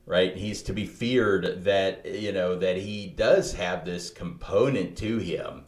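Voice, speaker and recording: A man co-hosting a podcast, talking through theology in an animated way, thinking aloud with many restarts. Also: low-pitched, slow, roomy sound. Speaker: podcast co-host. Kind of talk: theological conversation.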